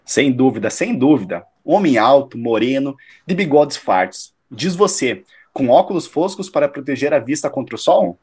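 A man playing a shrewd, self-assured detective in a radio drama, analytical, probing and slightly condescending in a measured delivery. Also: mid-range voice, lively intonation, darkish tone, slightly rough. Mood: knowing, assured.

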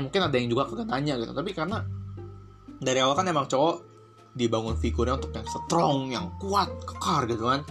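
A man hosts a casual podcast, earnest and slangy, slipping English phrases into his talk. His pitch sits at an ordinary middle. Plucked guitar music plays clearly behind him. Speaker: podcast host.

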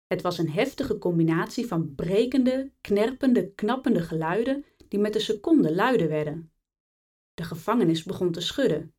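Low-voiced woman reading a bedtime story. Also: a little mellow, distant mic. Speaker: audiobook reader.

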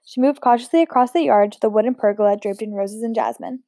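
A woman reading a novel aloud at a steady pace, unpolished, with occasional slips and restarts. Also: a little high, fast talker, no echo. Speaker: audiobook reader.

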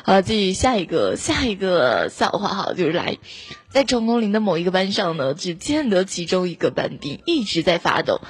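A woman hosting a live joke show, playful and teasing, with quick asides to her listeners. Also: on the low side, sing-song, faint music behind. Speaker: host.

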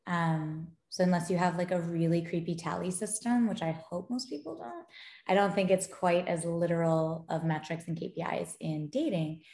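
A woman's voice: lowish voice, creaky. A woman guest on a podcast talking casually and animatedly about dating and gaming, laughing as she goes. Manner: animated storyteller, gets excited and laughs. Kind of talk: casual interview chat. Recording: echoey room.

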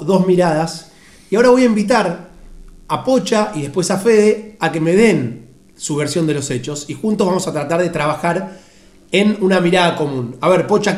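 High-voiced man mediating. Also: echoey room. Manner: calm, questioning, repeats answers back. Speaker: host playing mock mediator. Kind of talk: casual comedic chat.

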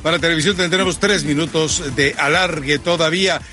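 Un hombre con acento mexicano que conduce un programa deportivo, da paso a pausas y segmentos con agilidad. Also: male voice, on the high side, fairly even intonation, pushed and bright. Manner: brisk, leads segments and breaks. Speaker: host. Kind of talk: sports talk show hosting.

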